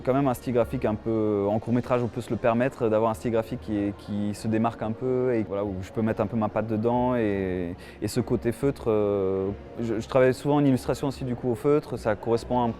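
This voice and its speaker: A man's voice: lowish voice, fairly even intonation, a little fast, hardly any pauses, mellow, soft background music. A man in his thirties from Germany, an animation film director giving a festival interview, hesitant with many fillers and restarts.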